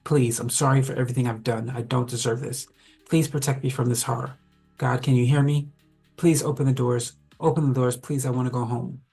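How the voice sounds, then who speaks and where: Brief: man reading as a panicked young guy begging to get out, husky tone. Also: mid-range voice, level tone, a little fast, darkish tone, faint music behind. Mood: pleading. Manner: pleading, desperate. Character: terrified young man trapped in a haunted house.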